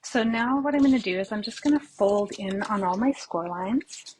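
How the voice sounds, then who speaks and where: A woman's voice: mid-range voice, normal speed, a little mellow, slight background noise, poor audio. A woman from Canada hosting a casual live papercraft tutorial from her home craft room, chatty and rambling, greeting viewers by name and slightly out of breath.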